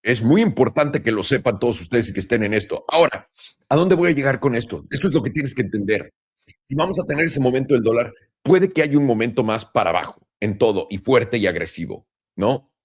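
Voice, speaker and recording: A man's voice: mid-range voice, animated, a little fast, breathy edge. A man with a Mexican Spanish accent, a crypto trading commentator, ranting in a casual, blunt and profane monologue, full of sarcasm. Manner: blunt, profane and sarcastic, mocking others in put-on voices.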